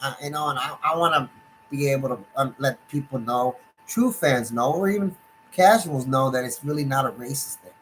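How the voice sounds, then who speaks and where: The host of a sports channel, a middle-aged Texan with a Texas accent, speaks at a medium pitch and normal speed in a loose, rambling stream monologue packed with restarts and fillers. His voice sounds a bit bright, with slight background noise in the rough desktop recording.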